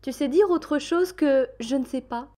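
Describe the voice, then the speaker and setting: A woman plays a direct, teasing young woman in a storybook. Her voice sits fairly high. She asks blunt questions without hesitation. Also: measured pace, mellow.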